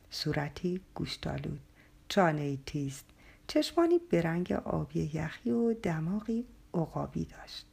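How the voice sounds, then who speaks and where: Gravelly, breathy woman narrating a story. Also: fairly low pitch, a little mellow. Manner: breathy, half-whispered delivery.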